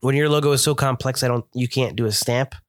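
A podcast co-host reviewing beer chats eagerly and descriptively about what he sees, talking fast in an ordinary mid-range male voice that sounds a bit congested from a cold. The recording is close-miked and dry, with no room sound.

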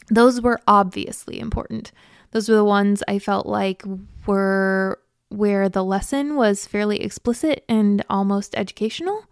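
A woman's voice: medium pitch, a little mellow, clear, resonant tone, no room sound, clean studio sound. A young woman from the United States hosting a candid, self-deprecating personal talk, with frequent ums and uhs. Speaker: host.

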